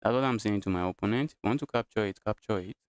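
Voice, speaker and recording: A Nigerian man talks through his chess game on a live stream, repeating short phrases as he weighs each move. His voice sits a little low and comes across clean and resonant. The sound is dry, with very little room echo. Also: racing, smooth. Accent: Nigerian English. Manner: thinks aloud, repeats phrases.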